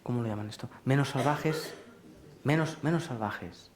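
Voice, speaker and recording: A man giving a live talk to an audience in a large hall, speaking in a questioning, rhetorical way and gently teasing his listeners. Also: medium pitch, moderate pace, background noise. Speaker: speaker at a public lecture. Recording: roomy hall echo.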